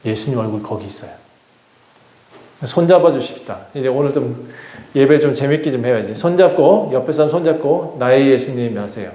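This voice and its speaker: A male pastor preaching a sermon in a relaxed, conversational way, putting questions to the congregation and prompting them to respond. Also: mid-range voice, fairly quick. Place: church sanctuary. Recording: echoey church hall.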